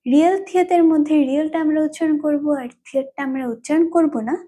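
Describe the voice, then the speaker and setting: A woman's voice: high voice, fast talker, mellow. A woman teaching a language lesson, patiently explaining rules and repeating each term several times. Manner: repetitive.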